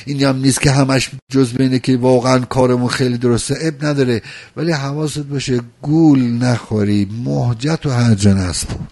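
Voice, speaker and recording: A man giving a religious sermon, moving between loud pleading and soft, intimate address to listeners. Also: medium pitch, steady tone. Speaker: preacher.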